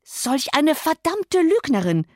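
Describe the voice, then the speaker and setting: A woman reading an audiobook, voicing a sullen, rough young man who talks gruffly and curses, in a dry recording. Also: a little high, expressive, normal speed, dry recording, pitched above the performer's own voice, lightly acted. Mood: surly. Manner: gruff, cursing, defiant. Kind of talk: audiobook character voice.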